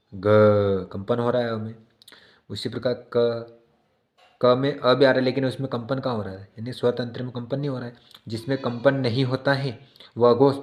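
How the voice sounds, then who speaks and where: A man's voice: mid-range voice, darkish tone. Man teaching in an echoey room. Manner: explains by repeating definitions, checks in with "है ना". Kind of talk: exam prep lesson.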